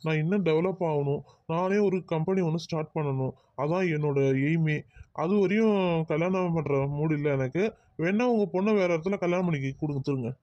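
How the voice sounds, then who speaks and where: A man's voice: fairly high pitch, moderate pace, warm tone, dry recording, highs cut off, natural voice. A man voicing an exasperated young man who grumbles and sighs about being pushed into marriage in a cartoon. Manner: grumbling, sighing.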